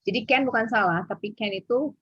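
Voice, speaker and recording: A woman's voice: a little high, a little fast, husky, dry recording. A woman teaching English in an online lesson, often hesitating and thinking aloud with many fillers. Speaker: English tutor. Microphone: video call. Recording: muffled video call audio.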